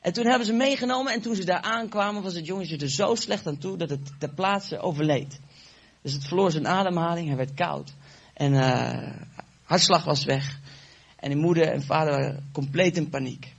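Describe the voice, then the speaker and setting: A man preaching, telling a testimony and acting out the dialogue with animated energy. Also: fairly high pitch, normal speed, vocal fry, slightly rough, muffled recording. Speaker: evangelist preacher. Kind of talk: sermon testimony.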